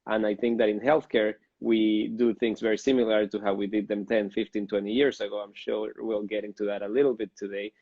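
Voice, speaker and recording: A man from Venezuela, a physician in his thirties, gives measured interview answers. His voice sits low and gravelly with little rise and fall. The sound is dull and lo-fi with no room echo. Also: little pitch movement, a little mellow. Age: 30s. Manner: thoughtful, measured explaining with fillers. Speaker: fertility doctor, guest.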